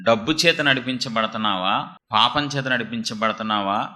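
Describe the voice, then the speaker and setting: A male preacher whose voice is piercingly sharp and forceful. He scolds and drives his points home with rhetorical question after question. He preaches an insistent sermon. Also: medium pitch, moderate pace.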